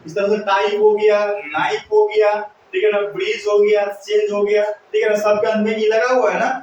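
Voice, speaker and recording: A man's voice: high-pitched, little pitch movement, normal speed, darkish tone, highs cut off, slight background noise. A male teacher giving a classroom lesson, drilling students with repeated questions and call-and-response. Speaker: English teacher. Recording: echoey room, mic far off.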